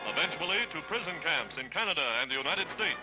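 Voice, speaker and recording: A man's voice: fairly high pitch, expressive, quick pace, poor audio. A man giving 1940s wartime newsreel narration in a declamatory, stirring and triumphant way. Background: loud music.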